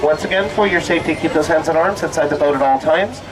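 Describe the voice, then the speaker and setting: A man with a slightly high voice delivers a theme park ride spiel as a boat skipper. He narrates scripted tales in a theatrical storytelling way, stretching words and dropping puns. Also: quick pace, recorded from a distance, rough recording. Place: outdoors on a tour boat.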